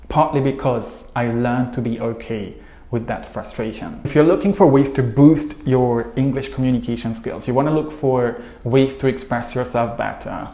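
A Hungarian-born English coach gives a scripted video lesson to camera, earnest and steady, running through points in long lists. His voice is mid-pitched, and the lapel mic picks up a clear roomy echo from a small room at home.

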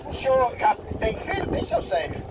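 A man's voice: extremely high pitch, sing-song, moderate pace. A man with a Northeastern Brazilian accent doing improvised street comedy, teasing volunteers playfully as he performs. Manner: teasing, playful crowd banter. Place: open seafront square at night. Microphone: distant camera among spectators. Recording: distant mic, loud outdoor crowd noise. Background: loud crowd and outdoor noise.

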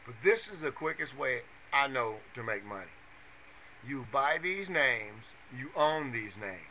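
A man ranting fast and insistently into his webcam, repeating his instructions and swearing now and then. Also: mid-range voice, very animated, sharp tone, a little hiss or hum, low-quality recording. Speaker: vlogger giving money-making advice. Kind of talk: fast angry webcam rant. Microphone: webcam mic.

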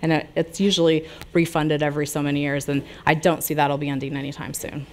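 Speaking quickly and flatly in a low-pitched voice, a middle-aged woman from the US delivers a casual public health talk, fielding audience questions. The setting is a small lounge with brick walls and seated listeners; she gestures freely, and there's a little hiss or hum.

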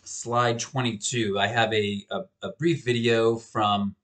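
In a recorded webcam lecture from a small home office, a professor in his thirties talks casually, with frequent restarts and repeated words. His voice is fairly low and a bit bright, level in tone and slow in pace.

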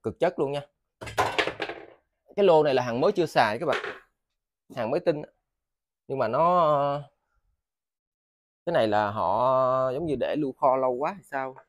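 A man with a southern Vietnamese accent giving a casual, rambling sales vlog, halting and often repeating his words. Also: mid-range voice, dry recording. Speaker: seller of used motors and machine parts. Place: indoors in a cluttered tiled storeroom.

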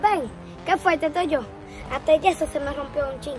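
Skip. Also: female voice, sits high, normal speed, music in the background. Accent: Dominican Spanish. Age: child.

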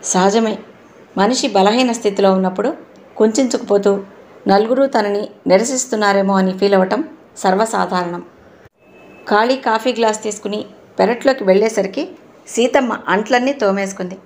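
A woman reading a novel aloud as an audiobook narrator in a steady, measured storytelling style. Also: medium pitch.

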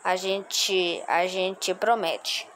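A woman's voice: fairly low pitch, steady tone, very slow, fairly bright tone, slight background noise. A woman voicing a schoolboy friend who promises to keep a secret, in a conspiratorial way. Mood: conspiring.

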